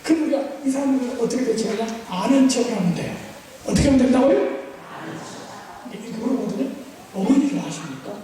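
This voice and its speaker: A man's voice: very high voice, fast talker, pauses often, warm tone. A man preaching as a pastor at a church seminar. He acts out little exchanges and drills the congregation with call-and-response practice. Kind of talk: sermon seminar. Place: church sanctuary. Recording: echoey church hall, voice far from mic, faint noise.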